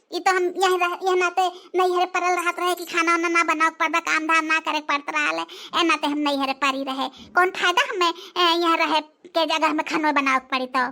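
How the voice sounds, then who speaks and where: A voice put on as a whiny, bossy spoiled daughter. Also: female voice, very high voice, exaggerated voice. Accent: Awadhi. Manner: whiny, bossy, loud calling out. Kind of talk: cartoon voice acting.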